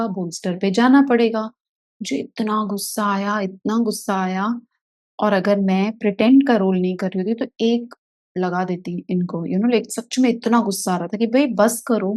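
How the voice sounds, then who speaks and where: Mellow-voiced woman therapist telling a story. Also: medium pitch. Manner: animated storyteller who acts out scenes. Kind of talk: casual video talk, telling a story from a workshop.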